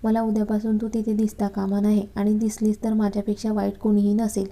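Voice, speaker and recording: A woman's voice: medium pitch, completely flat delivery, fairly quick, warm tone, natural voice. A woman voicing an angry, domineering young husband in a read-aloud story, with harsh, threatening commands.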